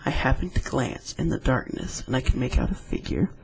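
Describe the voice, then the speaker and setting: Gravelly, husky man reading scary stories. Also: medium pitch, very animated, brisk. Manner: chatty, with rambling asides between readings. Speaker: YouTube storyteller.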